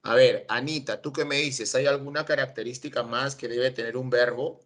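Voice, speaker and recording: A man's voice: mid-range voice, steady tone, normal speed, a bit bright. A man teaching an online class over a video call, patiently checking that his students understand.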